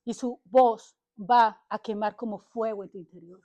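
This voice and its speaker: A high-pitched woman preaching with fervor, exhorting her listeners and driving each point home. She punctuates nearly every thought with "amén", and her delivery is that of a passionate sermon streamed to an online congregation. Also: steady tone, normal speed, warm tone. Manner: emphatic, punctuates phrases with "amén". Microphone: livestreamed to social media.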